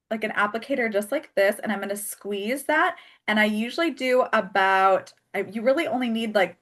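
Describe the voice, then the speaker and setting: Bright, chatty woman hosting a live demo. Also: mid-range voice. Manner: chatty and joking, laughs often. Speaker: host and skincare consultant. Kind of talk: live product demonstration.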